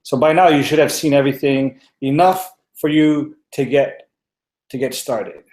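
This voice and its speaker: A man's voice: medium pitch, normal speed, darkish tone. Guy from hawaii in his 40s on a video call, talks earnest with lots of ums, roomy echo. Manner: earnest, many fillers and restarts. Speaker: panel guest. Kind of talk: personal testimonial on a webinar. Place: home office.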